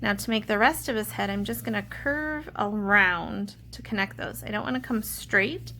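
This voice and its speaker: An elementary art teacher leads children through a read-aloud and drawing lesson using simple, playful, step-by-step language and playful asides. Her voice is medium in pitch, bright and forceful, at normal speed, with slight background noise.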